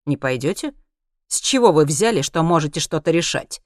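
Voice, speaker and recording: Cold creepy scientist guy, man doing the voice, slow icy delivery, dry close sound. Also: on the high side, lively intonation, no echo. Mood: mocking. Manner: slow, icy, measured, bursting into shouts. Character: cold, menacing male scientist interrogator. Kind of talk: audiobook character reading.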